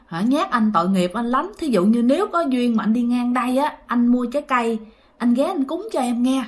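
A woman voicing a frightened young man pleading softly with a ghost, in a Southern Vietnamese accent. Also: fairly high pitch, expressive, a little fast, close to an everyday voice. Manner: soft, pleading.

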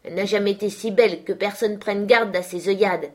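A woman's voice: mid-range voice, brisk, natural voice. A woman doing a grumbling old rustic manservant. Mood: aggrieved. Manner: rustic dialect, lamenting complaint. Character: bitter old male servant grumbling.

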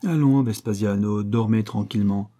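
A man reading aloud voices a composed young nobleman with a calm, dry, gently ironic manner. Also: fairly low pitch, normal speed, lightly acted.

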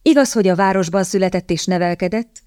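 A woman reading an audiobook aloud in scripted, even and measured storytelling. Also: fairly low pitch, no echo, clean studio sound. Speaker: audiobook narrator. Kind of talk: scripted narration.

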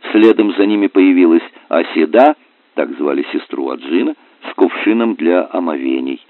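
Deep-voiced male audiobook narrator. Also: dry recording. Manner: measured, even storytelling. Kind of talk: scripted narration of an adventure novel. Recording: dry, narrow phone-like sound.

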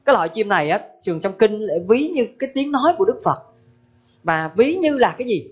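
A woman's voice: fairly high pitch, very animated, fast talker, husky. Woman giving a sermon. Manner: conversational, asks the audience questions. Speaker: Buddhist teacher. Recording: dull lo-fi recording.

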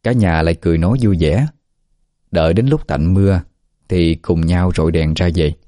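Deep, mellow-voiced male storyteller. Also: normal speed. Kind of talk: scripted story narration.

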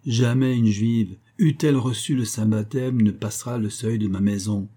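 Male reader as an iron-willed old patriarch, slow, stern, husky and dark. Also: on the low side.

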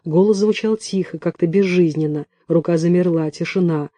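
A man reading first-person fiction aloud in a hushed, tense storytelling manner. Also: sits high, moderate pace, no echo. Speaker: audiobook reader.

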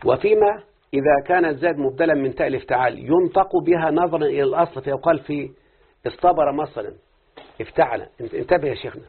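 A man's voice: fairly high pitch, quick pace, slightly rough. Egyptian man quizzing his class. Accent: Egyptian Arabic. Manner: lively, constantly quizzing students with rhetorical questions. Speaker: teacher of Arabic morphology. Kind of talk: classroom lesson. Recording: tinny lo-fi phone-like recording.

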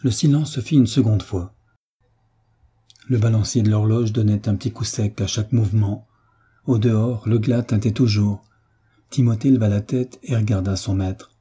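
A male narrator reads an audiobook in a measured, steady way. His voice is husky and very dark, set fairly low in pitch. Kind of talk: scripted narration.

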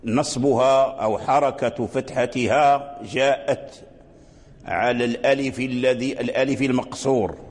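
An older man teaching Quranic readings in a lecture, explaining slowly with repetition and chanting the verse examples. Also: mid-range voice, steady tone, a little mellow. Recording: long hall reverb.

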